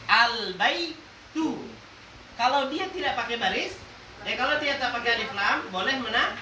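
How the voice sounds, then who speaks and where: A man teaching a lively grammar lesson to a class, quizzing them playfully, joking, and drawing out example words slowly. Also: extremely high pitch. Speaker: religious teacher. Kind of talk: classroom lesson with call-and-response. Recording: roomy, distant classroom recording with faint noise.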